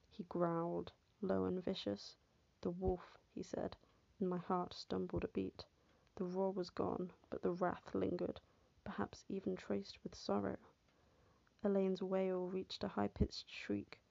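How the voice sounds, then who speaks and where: A woman narrating an audiobook in first person, with a steady, even reading. Her voice is deeply gravelly and dark, with little rise and fall. The recording is dull, lo-fi and dry. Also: dry recording.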